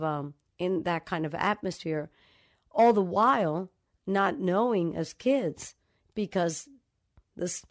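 She has a lowish, slightly mellow voice, this Dominican woman who writes novels. In the interview she gives reflective answers told as stories, thoughtfully reenacting dialogue from memory.

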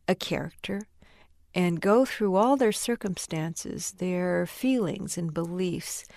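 A woman novelist speaks thoughtfully in an interview, her voice low and gravelly. The recording is dry and close, with no room sound around her. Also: a little mellow, no room sound. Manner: reflective, thoughtful. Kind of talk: interview conversation.

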